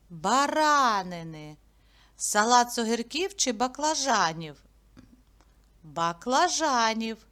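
A woman teacher with a slightly high voice talks very slowly. She asks easy questions and answers them herself, stretching each word so it is clear. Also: a bit bright. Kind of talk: slow, clear classroom lesson narration.

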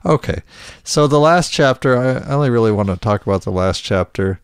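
A man's voice: medium pitch, expressive, brisk, smooth, no room sound, clean studio sound. A man co-hosting a podcast in casual chat, reading book passages aloud and restarting his sentences often. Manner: hesitant, many restarts and fillers. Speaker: podcast co-host.

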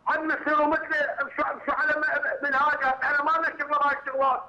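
A man's voice: very high voice, little pitch movement, racing, sharp tone. A man from southern Iraq with an Iraqi Arabic accent, calling in and ranting in anger, repeating himself and stumbling over words. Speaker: caller. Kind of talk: angry phone-in rant. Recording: muffled phone line with hall reverb.

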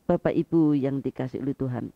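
A man preaching a sermon in an expressive storytelling manner, retelling a scene and speaking directly to the congregation, on a slightly dull recording. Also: mid-range voice, fast, no room sound.

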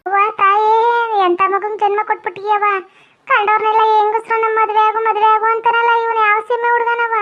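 A man voicing a scolding village woman in a wailing falsetto, speaking. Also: completely flat delivery, brisk, lo-fi sound.

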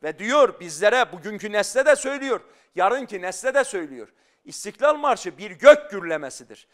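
A man's voice: high voice, very animated, fairly quick. A middle-aged male scholar speaking as a guest on a studio talk show, explaining earnestly and building to fervent emphasis. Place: television studio.

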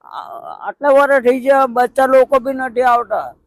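An elderly man from Pavagadh, Gujarat, talking outdoors by a roadside hut in a halting, plaintive, repetitive way. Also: very high-pitched, fairly even intonation, no echo. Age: older. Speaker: interviewee. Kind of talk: emotional conversational interview.

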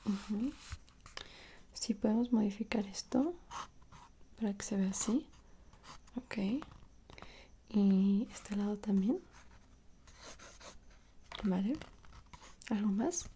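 A young Mexican woman performs an ASMR role-play as an attentive dressmaker. She speaks softly and slowly, right to the listener, in a bright hushed voice. There is clear hiss behind her. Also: medium pitch. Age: young adult. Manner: soft, unhurried, attentive, speaking directly to the listener. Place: small indoor room at home.

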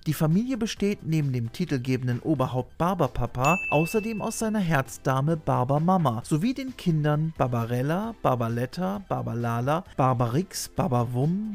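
A middle-aged man with a mid-range, slightly mellow voice hosts a retro TV channel, presenting a scripted video essay. He's recorded on a desk microphone in a small room, with music in the background.

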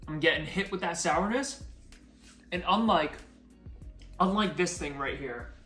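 A man's voice: fairly high pitch, measured pace, a bit bright. Upbeat young man in an echoey room. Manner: upbeat and chatty, talking while chewing. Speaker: food vlogger. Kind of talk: casual chat to camera. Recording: echoey room with faint music.

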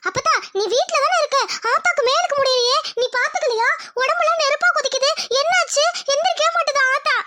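A woman voicing an anxious little village girl in a cartoon, high and pleading as she calls out. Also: fast, hardly any pauses, sharp tone. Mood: worried. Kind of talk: cartoon voice acting.

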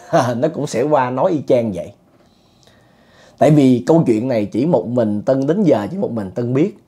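A man's voice: medium pitch, warm tone. A man, casually telling a true ghost story in a conversational way, with fillers and chuckles.

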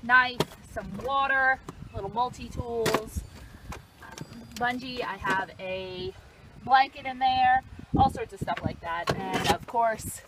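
On a sunny street, a young woman vlogs beside her car's open trunk, chatting casually in a show-and-tell style full of ums and restarts. Her voice is on the high side and slow, recorded by a camera close in front, with very noisy audio.

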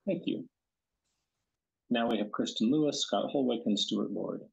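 Gravelly, husky meeting moderator. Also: mid-range voice, normal speed, poor audio. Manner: brief and matter-of-fact, calls the next speakers. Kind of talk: brief procedural announcements.

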